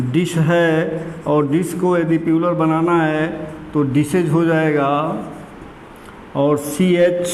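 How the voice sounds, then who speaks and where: A man with a slightly high voice teaches grammar at a very slow, deliberate pace, repeating key words over and over. His voice rings through a roomy space with a long reverb tail. Faint room noise sits behind him. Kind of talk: classroom grammar lesson.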